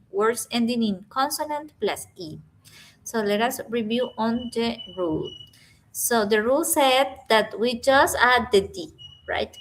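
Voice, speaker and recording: A woman teaching a grammar lesson, explaining patiently and often checking in with her students. She repeats each example word slowly. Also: a little high, fairly bright tone, rough recording. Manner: repeats and stretches example words. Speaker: English teacher.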